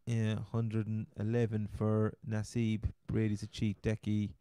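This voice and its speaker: A man's voice: lowish voice, monotone, unhurried, warm tone, clean tone, dry recording, clean studio sound. An Irish man with a Cork accent hosting a casual sports chat, rambling and often repeating his words. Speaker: podcast host. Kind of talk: casual chat, fantasy football commentary.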